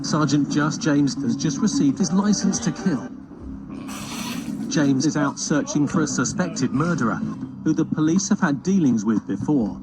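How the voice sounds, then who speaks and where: A man narrating a parody police documentary in a deadpan, scripted manner. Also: fairly high pitch, normal speed, poor audio. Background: loud background music.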